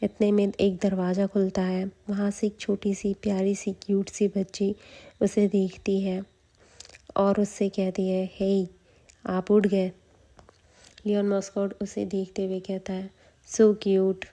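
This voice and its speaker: A woman narrates a story recap, taking her time over each line. Her voice is dark and mellow, with little rise and fall, and her pace is slow. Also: medium pitch, completely flat delivery.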